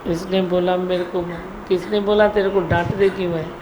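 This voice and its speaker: A woman's voice: fairly low pitch, level tone. A middle-aged woman guru giving a satsang talk to devotees, teasing and scolding them. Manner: scolding, teasing, slow and gravelly. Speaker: spiritual guru leading satsang. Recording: faint background noise.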